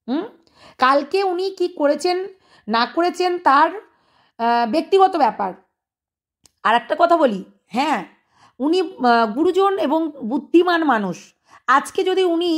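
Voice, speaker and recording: A woman video creator delivering a confrontational monologue at a rival, scolding her and pressing with repeated rhetorical questions. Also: high-pitched.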